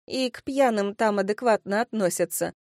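A woman voicing a sharp-tongued young red-haired student who talks snappy and brusque. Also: medium pitch, moderate pace, no room sound, clean studio sound, close to an everyday voice. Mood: brisk.

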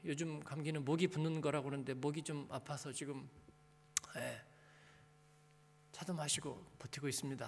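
With a mid-range voice touched by vocal fry, a pastor delivers his sermon conversationally, tossing rhetorical questions and brief prompts to the congregation. The recording, made in a large reverberant church hall, has long echo and a little hiss or hum.

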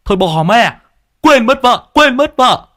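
A man's voice: high-pitched, moderate pace, fairly bright tone, voice pushed up. A male storyteller voicing a bumbling, flustered older village man who stammers. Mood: panicked.

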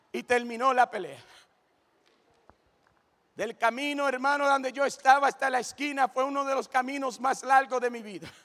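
A man giving a lively testimony sermon, telling his story with animation and often calling the listeners brother. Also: very high voice. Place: church. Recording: long church reverb.

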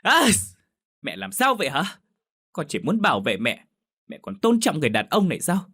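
Brief: fierce stubborn teenage daughter, acted by a man in a spoken story, shouting accusations. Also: fairly high pitch, wildly swooping pitch, moderate pace, slightly rough, pitched above the performer's own voice, full character voice. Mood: defiant. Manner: raised, accusing outbursts.

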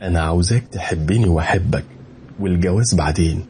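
A man's voice: sits low, fast, mellow, very echoey, big-room sound, slight background noise, natural voice. A man voicing a possessive Egyptian female spirit. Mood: coaxing. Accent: Egyptian Arabic.

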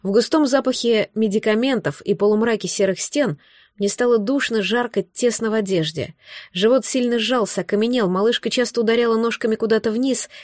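A woman reading a novel aloud in the first person, with steady, expressive storytelling. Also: on the high side, brisk, no room sound, clean studio sound. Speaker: audiobook narrator.

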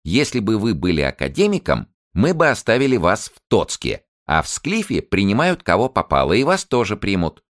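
A man voicing a shrill, excitable young female paramedic who lectures and squeals. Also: normal speed. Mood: lecturing.

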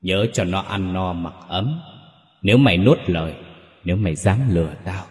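A man's voice: low-pitched, moderate pace, roomy sound, long reverb tail, natural voice. A man voicing a cold, vengeful ghost grandmother who speaks with suspicion and threats in a horror story reading. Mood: menacing.

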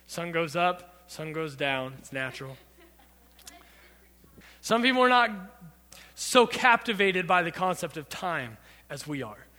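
A man with a high, bright voice preaches a youth sermon. He keeps it loose with playful, jokey asides to the listeners, and a long hall reverb trails every line. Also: very animated, a little slow, long pauses. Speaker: youth pastor.

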